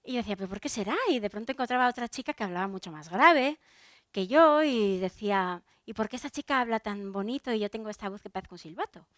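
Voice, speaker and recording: A woman's voice: mid-range voice, animated, fast, no echo, clean studio sound. A woman from Spain with a Spanish accent, a soprano giving a chatty public talk and speaking straight to her audience, with many fillers and restarts.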